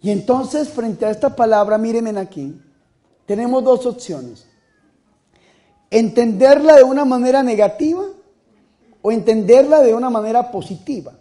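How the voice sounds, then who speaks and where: High-voiced fervent priest preaching. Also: male voice, normal speed, pauses often. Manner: fervent, swings between loud outbursts and soft asides. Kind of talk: charismatic sermon.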